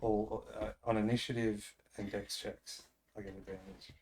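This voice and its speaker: A man's voice: lowish voice, little pitch movement, moderate pace, a little mellow, slight background noise. A man playing in a tabletop game, talking casually and hesitantly, thinking aloud with many ums. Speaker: player.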